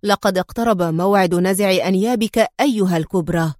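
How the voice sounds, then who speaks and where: A woman's voice: mid-range voice, fairly quick, darkish tone, no echo, studio quality, close to an everyday voice. A woman voicing a stern, tough male secret agent in a storybook reading, clipped and menacing. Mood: harsh.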